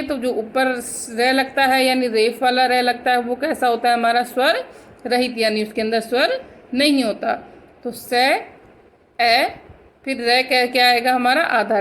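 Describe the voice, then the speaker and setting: A woman's voice: fairly high pitch, a little slow, fairly bright tone, slight background noise, poor audio. A woman teaching a Hindi grammar lesson. She explains each point step by step, asks her pupils questions and then answers them herself, and calls them "beta.". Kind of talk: recorded online class lesson.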